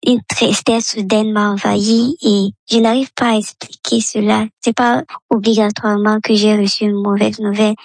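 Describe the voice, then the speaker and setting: A woman's voice: medium pitch, vocal fry, dry recording. A woman, leaving a recorded voice message through a voice changer that disguises her voice, explaining her feelings candidly. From Cameroon. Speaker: listener calling in.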